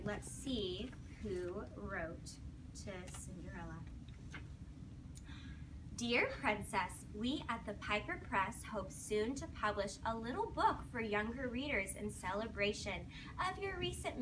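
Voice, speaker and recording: In a classroom captured by a distant mic amid background noise, a woman reads a story to young children, pausing for questions, simple prompts and praise. She has a medium-pitched, animated voice and a measured pace.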